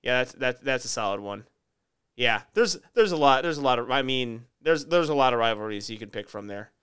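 A man's voice: medium pitch, animated, a little fast, fairly bright tone, clear, resonant tone. A man co-hosting a podcast, rambling casually and repeating words as he talks. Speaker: podcast co-host.

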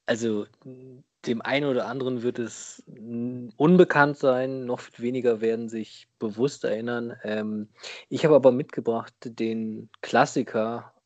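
A man speaking as a podcast guest, casually recounting things in a deliberate, somewhat hesitant way. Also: medium pitch, fairly even intonation, a little mellow, dry recording, highs cut off. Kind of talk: casual recounting of a football match.

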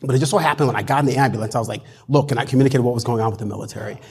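A man who is a military physician telling a story in an excitable way, laughing as he goes. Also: medium pitch, racing, big-room sound, slight background noise. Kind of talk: live storytelling.

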